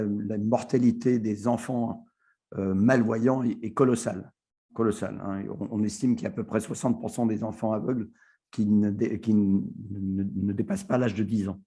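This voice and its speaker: A man's voice: fairly low pitch, flat delivery, normal speed, mellow, breathy edge. A man answering a question at a conference, hesitant, with many fillers and restarts. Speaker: invited expert answering questions.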